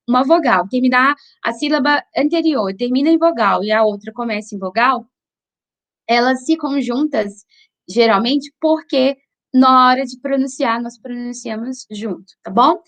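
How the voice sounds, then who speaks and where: High-voiced Brazilian teacher explaining patiently. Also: female voice, fairly bright tone. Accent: Brazilian Portuguese. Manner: explanatory, repeats tag questions, slows to sound out syllables. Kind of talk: online review lesson.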